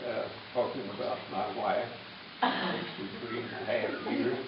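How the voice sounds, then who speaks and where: Fairly low and creaky, this elderly man's voice stays steady and measured as he, the family elder in his 80s, tells rambling, joke-filled folksy stories at a reunion. Crowd noise fills the echoey room, and the recording sounds muffled and distant.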